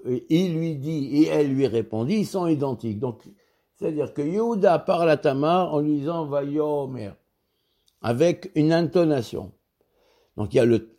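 A man giving a religious text lesson as a Torah teacher, explaining in a measured way and repeating key words to drive points home. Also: mid-range voice, mellow.

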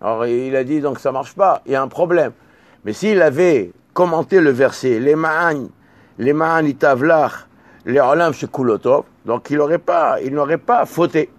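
In this dry recording, a male teacher with a slightly high voice reads out Talmud passages in Hebrew and Aramaic, slowing down for the texts. He then explains them in French, haltingly, often repeating words and starting over.

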